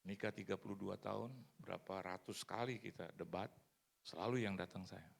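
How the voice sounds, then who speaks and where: A man in his fifties preaching a sermon in lively storytelling style at a church service. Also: sits low, normal speed, gravelly, slightly rough. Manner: lively storytelling, acts out other people's voices.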